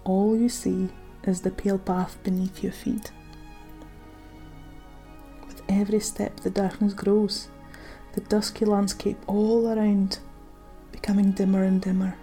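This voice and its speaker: A woman narrating a guided meditation in the manner of a sleep story, gentle, soothing and unhurried, with soft breathy phrase endings. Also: medium pitch, level tone. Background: music.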